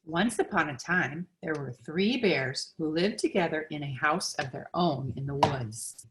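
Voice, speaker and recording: Woman, storybook narrator, lowish voice, animated melody, deliberate expressive delivery. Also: slight background noise, poor audio. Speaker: storybook reader. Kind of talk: read-aloud children's picture book narration.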